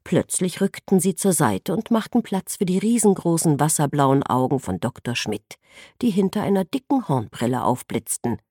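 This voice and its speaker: A woman reading a novel aloud as narrator, in an expressive storytelling manner. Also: low-pitched, normal speed, slightly rough, no room sound, studio quality. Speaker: audiobook narrator. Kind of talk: scripted narration.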